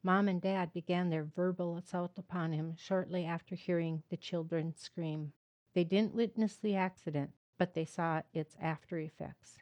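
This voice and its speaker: Woman author narrating her own memoir, measured and earnest; low, mellow tone. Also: fairly even intonation, dull audio. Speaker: author and host. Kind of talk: reading her own book aloud.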